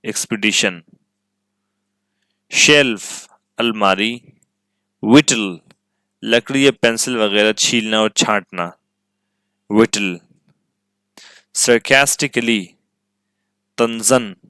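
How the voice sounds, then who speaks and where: A man's voice: on the low side, fairly bright tone, clean tone, no room sound. A man teaching English vocabulary, repeating each word and its meaning and checking whether the class follows. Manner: asks "ठीक है?" to check understanding. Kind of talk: vocabulary lesson with translations.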